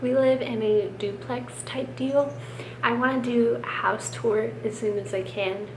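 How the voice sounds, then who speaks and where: A woman's voice: fairly high pitch, fairly even intonation, a little slow. A young American woman chatting casually to camera, rambling and self-deprecating, sick with a swollen sore throat and keeping her voice down, sometimes to a whisper. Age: young adult. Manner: hushed, keeping quiet, at times dropping to a whisper. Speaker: vlogger. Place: room at home. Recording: roomy, noisy home camera recording.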